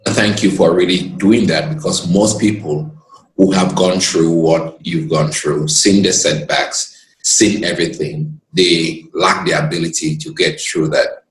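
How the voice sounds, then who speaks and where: A deep-voiced man from Cameroon, a lawyer appearing as a guest, speaks in a steady tone in an echoey room. He tells reflective stories in conversation, expansive and earnest, pausing to gather his words.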